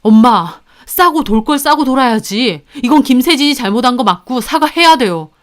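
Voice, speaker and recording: A woman's voice: on the high side, slow, dark tone. A woman voicing a stern young husband who confronts his family in a narrated story.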